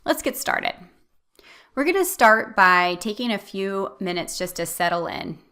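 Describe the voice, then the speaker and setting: A woman leading a guided meditation as an instructor, speaking in a gentle, soothing, instructional way. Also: medium pitch, very animated, a little slow, gravelly, clean tone.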